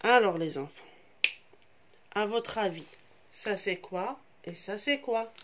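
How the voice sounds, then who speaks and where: A woman's voice: mid-range voice, slow, noisy background. A woman teaching a French grammar lesson to young children, speaking. She repeats key terms and explains them again in Arabic. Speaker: primary school French teacher.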